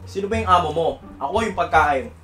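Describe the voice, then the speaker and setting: A man's voice: a little high, animated, brisk, over music. A man vlogging, playfully coaxing his dog and repeating commands over and over. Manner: playful, coaxing, repeats commands, code-switches Tagalog and English. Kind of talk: casual vlog.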